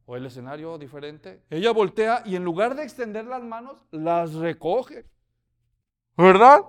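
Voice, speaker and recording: A man preaching a sermon as pastor, telling stories with humor and rhetorical questions to the congregation. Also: high voice.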